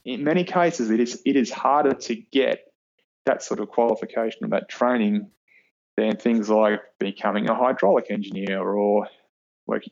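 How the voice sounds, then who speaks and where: Guest: Australian man, 40s, low gravelly voice, measured and emphatic, dull remote line. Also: darkish tone. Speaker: podcast guest, reliability engineer with PhD. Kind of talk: casual interview chat.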